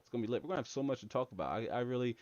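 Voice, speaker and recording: A man's voice: mid-range voice, lively intonation, racing, darkish tone, no echo, muffled recording. An American man, a tech channel host, chatting casually through a livestream Q&A. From United States.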